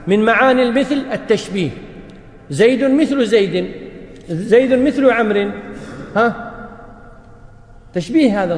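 A man teaching a religious lesson to an audience, often asking them rhetorical questions. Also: very high-pitched. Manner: addresses the audience directly, asks rhetorical questions. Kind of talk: lecture on Quranic language. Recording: echoey hall reverb.

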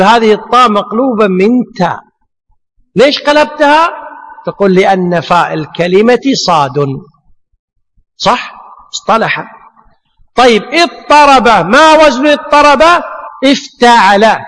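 A man teaches a class in a very high voice, moving step by step through rhetorical questions and repeating each point. His voice rings with a long reverb, as in a lecture hall. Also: fairly bright tone. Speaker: teacher of Arabic morphology.

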